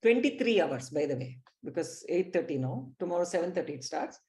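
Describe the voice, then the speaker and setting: A woman's voice: on the low side, big pitch swings, a little fast, mellow. A woman with an Indian English accent leading a live online spiritual class, speaking emphatically and addressing her listeners directly. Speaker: spiritual teacher.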